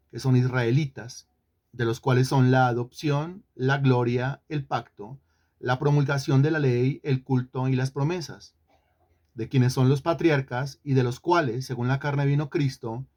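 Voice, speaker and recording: A man's voice: mid-range voice, darkish tone. A man teaching an online Bible lesson, often repeating himself and putting questions to the students. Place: online class.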